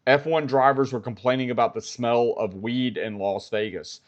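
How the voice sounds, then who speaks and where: An American vlogger giving live-stream commentary, retelling events in a storytelling way and repeating himself. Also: male voice, medium pitch, fairly even intonation, normal speed, highs cut off. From United States.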